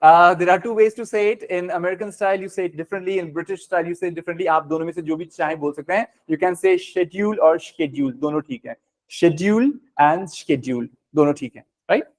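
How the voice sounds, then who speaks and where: High-voiced Indian man teaching English. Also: measured pace, few pauses. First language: Hindi. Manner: mixes Hindi and English, coaxing and explaining. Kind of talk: online spoken English class.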